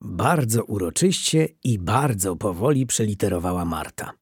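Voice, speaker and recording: A man narrating a children's storybook in a lively reading voice, lifting his pitch for the children's lines. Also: normal speed, husky, dry recording, studio quality.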